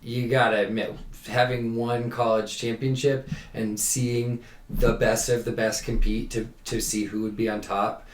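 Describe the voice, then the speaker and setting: A cheerleading coach co-hosts a sports podcast, chatting casually as he recaps competitions and shares opinions. His mid-range voice holds a level tone at an unhurried pace, and the recording sounds roomy and echoey.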